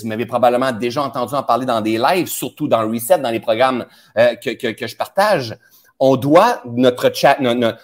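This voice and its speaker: A man with a Québécois French accent hosting a spiritual live stream, greeting viewers and speaking directly to them with many fillers. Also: mid-range voice. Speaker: host of a personal growth live stream. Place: indoors, traveling.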